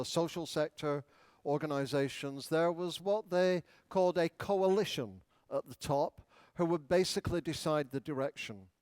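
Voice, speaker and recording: A man giving a conference keynote in a large hall, explaining in a measured lecturing manner. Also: fairly high pitch. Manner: playful, leads audience in exercises. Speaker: education speaker.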